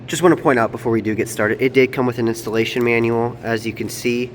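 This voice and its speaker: A man's voice: medium pitch, steady tone, fast talker, slight background noise. A man giving an upbeat, slangy product review and install walkthrough in a garage. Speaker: vlogger.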